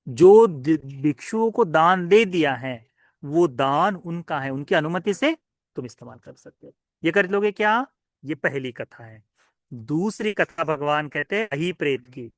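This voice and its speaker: A man's voice: fairly high pitch, measured pace, no echo, clean studio sound. A man, a Buddhist monk, telling a teaching story to children, often asking questions and answering them himself. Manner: lively questioning, asks listeners and answers himself.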